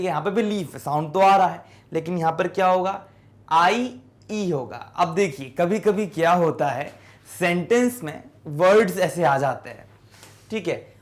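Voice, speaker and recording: High-voiced male teacher. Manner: drills students with questions he answers himself; sounds out words slowly, syllable by syllable. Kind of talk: explaining English spelling in a class lesson.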